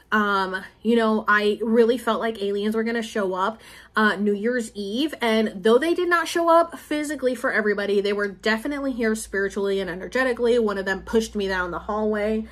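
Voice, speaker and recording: Speaking at a moderate pace in a higher voice, a young spiritual vlogger from Puerto Rico rambles through a monologue update. She uses many fillers and repeats things for emphasis.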